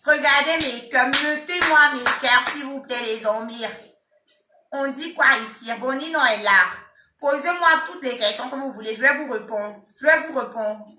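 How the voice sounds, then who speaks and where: A woman's voice: sits high, moderate pace, sharp tone, echoey room. A woman with an Ivorian French accent chatting on a live stream, teasing and playfully scolding her commenters. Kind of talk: casual live-stream chat.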